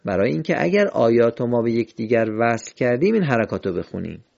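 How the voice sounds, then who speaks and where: Gravelly man teaching Quran recitation. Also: medium pitch, very animated, darkish tone. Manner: patient, methodical, chants verses slowly as examples. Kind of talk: explanatory lesson. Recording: dull lo-fi recording.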